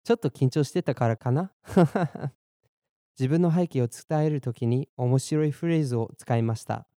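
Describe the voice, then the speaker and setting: Here the German-born, Boston-raised young man has a dark tone at medium pitch, with clean studio sound and no echo. As a podcast language teacher, he walks through Japanese and English phrases in clear, measured fashion, easing his pace for repeat drills.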